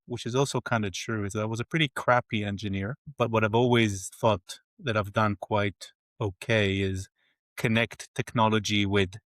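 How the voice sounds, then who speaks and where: A man's voice: lowish voice, a bit bright, no room sound. A man in his forties, originally from Israel, talking candidly and with light self-mocking humour as a guest on a podcast interview. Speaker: guest, games company CFO.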